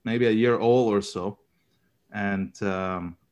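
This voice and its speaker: A seminary professor in his fifties, raised in Chile and Panama with Spanish as his first language, offers an earnest reflection in English to a church gathering, often pausing on filler sounds. His voice is lowish, steady, and darkish, and the recording is muffled.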